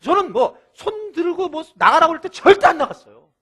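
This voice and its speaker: A male pastor delivering a sermon in an animated, storytelling way, acting out quoted lines, with a thin, light voice. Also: very high-pitched, brisk.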